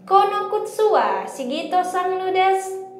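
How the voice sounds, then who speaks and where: Woman language teacher with a high voice and slow, careful delivery, reading examples and translating them, recorded in an echoey room. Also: lively intonation, a little hiss or hum. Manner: reads example sentences, then translates each one.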